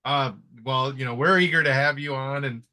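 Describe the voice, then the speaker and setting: A man's voice: medium pitch, steady tone, moderate pace, bright, forceful tone. A man hosting a live trading webinar, talking in a friendly casual way with many fillers and restarts. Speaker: webinar host.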